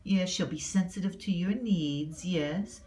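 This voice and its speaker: A woman's voice: on the low side, unhurried, dark tone, lightly acted. A woman voicing a flamboyant praying mantis reporter who promotes pet adoption in a theatrical, cooing, affected way at an animal shelter. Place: animal shelter cat room. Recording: roomy, mic at a distance.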